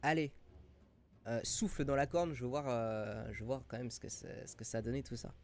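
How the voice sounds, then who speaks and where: A man's voice: mid-range voice, fairly quick, darkish tone, close to an everyday voice. A man voicing a blunt, bossy female animal companion in a tabletop game. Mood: bossy, curious. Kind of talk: tabletop game role-play.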